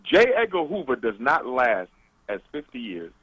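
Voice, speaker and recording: A man's voice: mid-range voice, sing-song, moderate pace, husky, no echo, highs cut off. A man calling in as a guest to a radio talk show, lecturing emphatically over a call-in line.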